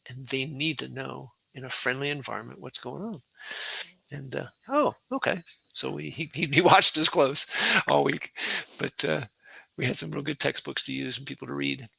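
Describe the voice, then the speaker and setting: A man in his sixties, a retired colonel, telling lively stories as a podcast guest and acting out quotes with laughs. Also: medium pitch, normal speed, vocal fry, breathy edge, low-quality recording. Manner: animated anecdotes with laughs and acted-out quotes. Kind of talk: conversational war storytelling.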